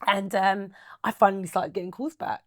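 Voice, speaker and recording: A woman's voice: medium pitch, fairly even intonation, dry recording. Woman, forties, interview guest, frank and reflective, dry recording. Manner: frank, reflective storytelling with quick asides. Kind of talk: candid interview conversation.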